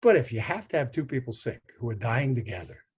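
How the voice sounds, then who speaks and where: A man in his sixties, a guest on a video call, tells family stories in an animated way and acts out the voices of the people in them. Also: medium pitch, quick pace, breathy edge. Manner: animated anecdotes with voiced quotes. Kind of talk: conversational storytelling.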